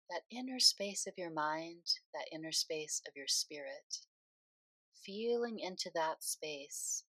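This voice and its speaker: A woman guides a meditation in a calm, leisurely manner, delivering one phrase at a time with pauses between. Her voice is on the low side and slightly bright, with no echo.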